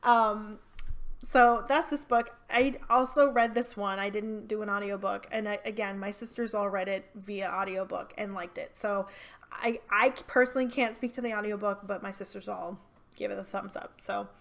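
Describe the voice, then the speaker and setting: A talkative woman in her thirties reviews a thriller novel in a loose, rambling way. She restarts her sentences and fills the gaps with ums and likes, and her voice sits at an ordinary mid pitch. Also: steady tone, normal speed, gravelly, fairly bright tone. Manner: chatty, rambling with restarts and fillers. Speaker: book reviewer. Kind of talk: casual book review vlog.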